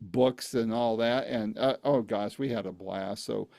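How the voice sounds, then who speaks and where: A man's voice: lowish voice, unhurried, vocal fry, darkish tone, dry recording, studio quality. A man chatting casually as an interviewer, talking in a loose, rambling way.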